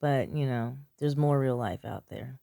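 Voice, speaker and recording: A woman's voice: very deep voice, a little slow, vocal fry, mellow, no room sound, clean studio sound. A woman from upstate New York, guesting on a podcast, chatting casually with frequent laughs and wry comebacks. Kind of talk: casual chat.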